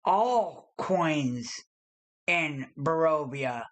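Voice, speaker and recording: A woman playing an evasive townsperson under interrogation in tabletop role-play, guarded and halting in delivery. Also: sits low, lively intonation, exaggerated voice. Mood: wary.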